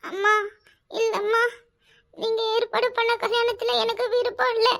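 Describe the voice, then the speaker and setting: A bitter, secretive young daughter from a village cartoon speaks in a very high, bright tone, voiced by a woman. Her Kanyakumari Tamil accent carries pleading words with cold resentment underneath. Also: little pitch movement, normal speed, creaky, heavily acted. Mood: evasive. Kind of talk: cartoon voice acting.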